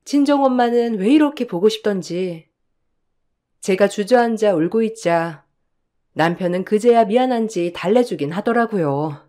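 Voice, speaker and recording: Woman softly narrating a story. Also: medium pitch, animated, normal speed. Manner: soft, confiding.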